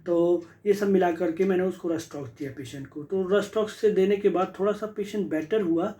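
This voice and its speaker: A man's voice: high voice, brisk, warm tone, rough recording. A man presents a patient's case like a teacher. His talk moves back and forth between Hindi and English phrases, full of repeats and fillers as he reasons through each remedy. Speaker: homeopathy doctor.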